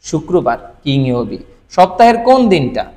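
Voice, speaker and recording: A Bengali-speaking man gives a relaxed Japanese lesson, quizzing the viewer and answering his own questions. His voice sits a bit high for a man. A long reverb trails his words. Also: fairly quick. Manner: asks questions then answers them himself; frequent "thik ache?" check-ins to the viewer. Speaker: Japanese language teacher. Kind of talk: casual explanatory lesson.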